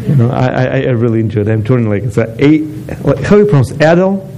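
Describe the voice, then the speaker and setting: Mellow-voiced man from Ukraine giving a testimony. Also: mid-range voice, expressive, quick pace, rough recording. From eastern Ukraine. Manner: non-native phrasing, chatty with asides to the audience. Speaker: guest speaker giving a testimony. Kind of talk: personal testimony talk.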